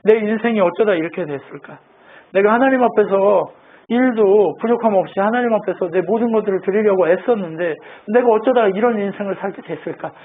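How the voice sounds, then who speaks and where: A man's voice: high voice, brisk, breathy edge. A man voicing a suffering man who curses his own birth, asking anguished questions. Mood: despairing. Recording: tinny phone-like sound.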